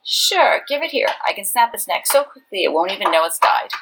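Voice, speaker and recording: A woman's voice: medium pitch, sing-song, a little fast, background noise, voice pushed up. A woman voicing a breezy, ruthless male swordsman who speaks offhandedly.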